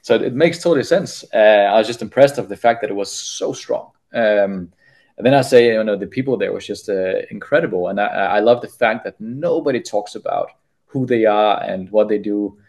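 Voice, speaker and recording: A man with a fairly low voice is a guest on a podcast interview. He tells his story casually and often stumbles, repeating small words as he thinks. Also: normal speed, darkish tone.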